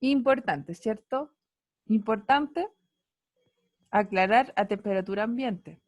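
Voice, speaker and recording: Woman teacher on a video call, slow and teasing, fairly high voice. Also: darkish tone, no echo. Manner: playful, teasing students, asks many questions. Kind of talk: online class lesson. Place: home, online class. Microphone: computer mic on a video call.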